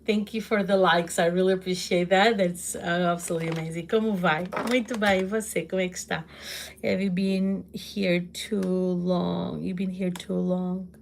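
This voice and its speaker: A middle-aged Portuguese woman with a Portuguese accent, chatting loudly to her livestream viewers from her home kitchen, laughing often. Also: on the low side, flat delivery, normal speed, creaky, a little hiss or hum. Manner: loud, laughs often, exclaims. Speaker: livestream host. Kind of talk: casual livestream chat answering comments.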